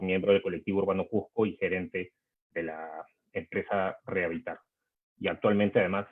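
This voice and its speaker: A man with a low voice opens and moderates a panel, speaking in a measured, formal way and pausing often on hesitant fillers. His voice comes through a tinny, phone-like video call line.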